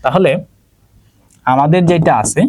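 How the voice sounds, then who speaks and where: Unhurried and fairly high-pitched, this man's darkish voice comes through with no echo. As a math teacher with a Bangladeshi Bengali accent, he guides an online geometry class and checks in with students by name. He answers the questions he raises himself and keeps asking "ঠিক আছে?"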